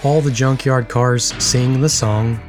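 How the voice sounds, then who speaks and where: A podcast co-host in their thirties, reading a scripted film recap with wry, dramatic flair and breaking into casual chat between passages. The voice sits at a middling pitch. A little music runs softly underneath. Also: steady tone, slow pace. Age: 30s.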